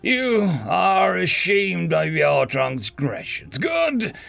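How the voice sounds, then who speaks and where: A man's voice: high-pitched, sing-song, drawn-out words, vocal fry, fairly bright tone, faint music behind, pitched above the performer's own voice, full character voice. A man voicing a haughty, menacing tentacled alien overlord father who hisses and snarls in formal speech. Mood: stern. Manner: hissing, snarling, formal and imperious.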